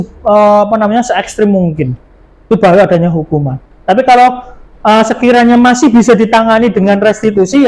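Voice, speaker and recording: High-voiced man explaining to colleagues. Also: darkish tone, poor audio. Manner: explanatory, with many fillers and acted asides. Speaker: teacher presenting to colleagues. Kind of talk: workshop presentation.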